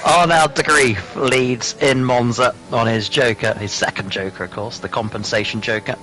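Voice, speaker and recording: A man's voice: medium pitch, fairly even intonation, moderate pace. A man commentating a sim racing league broadcast, joking and laughing with his co-commentator. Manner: jokey, laughs often, teasing banter. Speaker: race commentator. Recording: commentary over loud background music.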